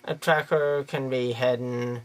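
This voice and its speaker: An American video creator gives an unscripted opinion monologue, rambling in a folksy, plain-spoken way. His medium-pitched voice is a little slow, with fairly even intonation.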